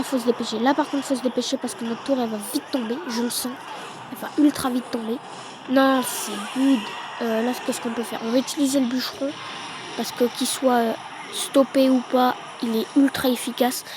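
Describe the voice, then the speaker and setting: A woman giving relaxed, chatty play-by-play commentary on her own gameplay, with quick excited bursts. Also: on the high side. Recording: noticeable background noise.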